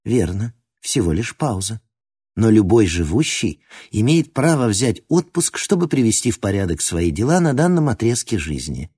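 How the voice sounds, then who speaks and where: A man reading an audiobook who voices a woman speaking in a cold, metallic, machine-like voice, with flat, clipped, mechanical questions. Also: fairly low pitch, normal speed, slightly rough. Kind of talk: audiobook narration.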